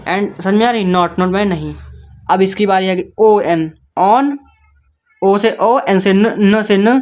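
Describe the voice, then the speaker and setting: A man's voice: sits high, takes it slowly, darkish tone. Patient man spelling words out. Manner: patient, spells words letter by letter, keeps checking in with the listener. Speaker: English reading teacher. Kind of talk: step-by-step spoken lesson.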